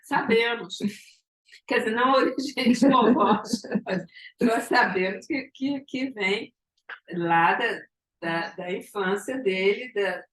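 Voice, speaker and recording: A woman's voice: medium pitch, takes it slowly, a bit bright. A woman giving a lecture, retelling a story with frequent tag questions and restarts. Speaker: psychoanalysis lecturer. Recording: echoey room.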